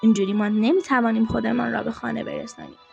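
A woman's voice: fairly high pitch, steady tone, creaky, muffled recording, soft background music. A woman voicing a weary old woman in a storybook tale, coaxing and pleading in a singsong way.

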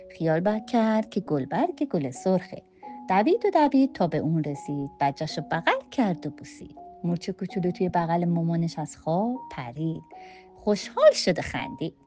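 A woman's voice: mid-range voice, warm tone. A woman reading a children's story aloud in a sing-song storyteller's manner.

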